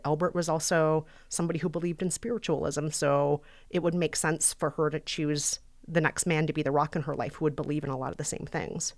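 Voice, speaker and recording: A woman's voice: deep voice, darkish tone, no room sound, clean studio sound. A woman co-hosting a podcast, chatting in a wry, explanatory way. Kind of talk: casual podcast chat.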